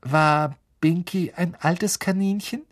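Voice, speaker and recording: Brief: man voicing earnest clever teen girl, high and measured. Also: no echo, clean studio sound. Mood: hesitant. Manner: careful, reasoning, a bit lecturing. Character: earnest, know-it-all schoolgirl.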